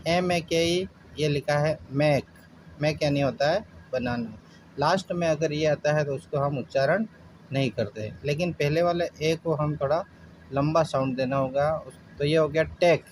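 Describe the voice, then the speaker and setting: A man teaching pronunciation in a fairly high voice. He spells each English word slowly, letter by letter, then explains what it means. A faint hiss and passing traffic sit under the recording. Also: poor audio. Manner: spells words letter by letter, then gives the Hindi meaning; slows down when spelling out words. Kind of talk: spoken English phonics lesson.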